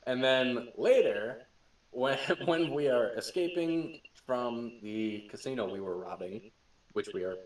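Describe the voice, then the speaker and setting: A young man hosting a podcast as a game master, telling stories excitedly with laughter and swearing. The recording is roomy, with a distant mic. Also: mid-range voice, slow. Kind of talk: casual chat.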